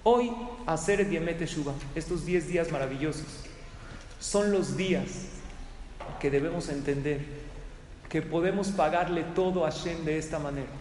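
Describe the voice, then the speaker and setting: Animated high-voiced man preaching in echoey hall. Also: normal speed, slight background noise. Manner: animated storytelling, acting out voices. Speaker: rabbi giving a Torah class. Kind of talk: sermon. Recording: echoey hall with faint ambience.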